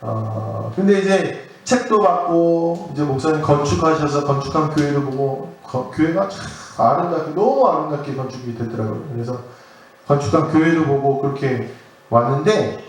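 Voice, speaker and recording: A middle-aged man, a pastor, preaching an earnest sermon with drawn-out stresses. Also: fairly high pitch, animated. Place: church sanctuary. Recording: echoey church hall, mic at a distance.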